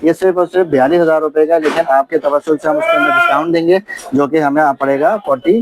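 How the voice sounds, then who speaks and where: This is a male shop seller with a Pakistani accent. His voice sits slightly high and he talks quickly. He presents his products as a fluent, detailed pitch, repeating stock selling phrases as he goes. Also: expressive, very noisy. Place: computer shop.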